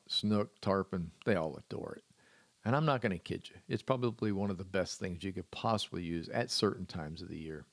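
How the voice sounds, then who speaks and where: A man with a fairly low voice talks through fishing tips as a podcast host. He is folksy and wry, joking at his own expense as he goes. The sound is dry and close, with no room around it. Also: gravelly, no room sound. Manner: folksy, wry, self-deprecating humor. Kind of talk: solo podcast tips talk.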